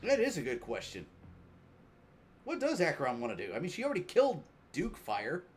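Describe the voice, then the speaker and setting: Lively, offhand male game streamer. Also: on the high side, brisk. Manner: jokey, offhand, muttering asides. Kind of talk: casual game commentary.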